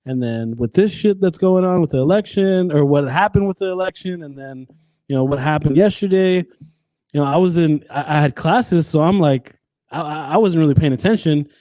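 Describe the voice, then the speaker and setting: A man's voice: fairly high pitch, fairly quick, mellow, no echo. A man in his twenties, a podcast guest in casual chat, rambling with many restarts and swearing freely. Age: 20s.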